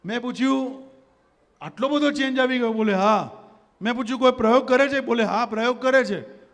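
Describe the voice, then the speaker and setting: Motivational speaker guy, really high voice, gets the crowd to shout stuff back, long hall reverb. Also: brisk. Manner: rousing, leads the audience in call-and-response. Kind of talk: motivational stage talk. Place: community gathering hall.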